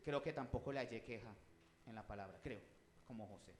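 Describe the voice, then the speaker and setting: A man's voice: fairly low pitch, a little fast, slight background noise. Emphatic man preaching in an echoey room. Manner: emphatic, rising loud on scripture quotes; asks the congregation questions. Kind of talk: sermon.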